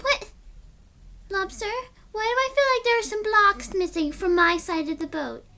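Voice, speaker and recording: A woman's voice: very high-pitched, expressive, moderate pace, bright, forceful tone. A young woman gamer playing in character as Rose, playful and dramatic, gasping and squealing at every surprise. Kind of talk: playful role-play gaming chat.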